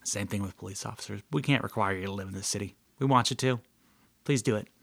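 A man's voice: on the low side, fast talker, gravelly, fairly bright tone. A man running for city council, talking casually and sarcastically in a podcast interview, often laughing at his own jokes.

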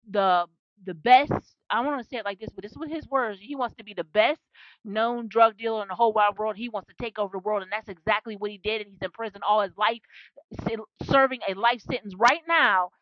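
A woman's voice: on the high side, brisk, no echo. Woman prophetess preaching hard, repeats herself, muffled lo-fi sound. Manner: fervent, repetitive, call-and-response asides. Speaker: self-described prophetess. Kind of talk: impassioned preaching monologue.

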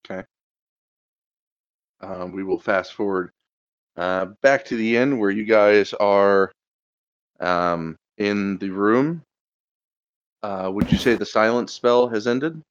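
A man with a low voice runs a tabletop game as game master, his narration hesitant and full of ums. The sound is dry and dull, like a lo-fi recording. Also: slow, long pauses, clean tone, no echo. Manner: hesitant, filler-heavy narration.

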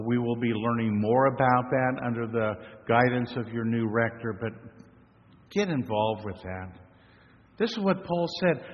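An older man preaching a sermon from the pulpit in a measured style that climbs into emphatic flourishes. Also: mid-range voice. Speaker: pastor. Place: church. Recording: reverberant church, dull lo-fi sound.

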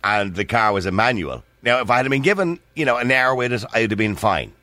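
A man's voice: mid-range voice, expressive, fast, sharp tone, dry recording. A man with an Irish accent hosting a casual radio phone-in. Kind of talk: lively casual radio chat. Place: radio studio.

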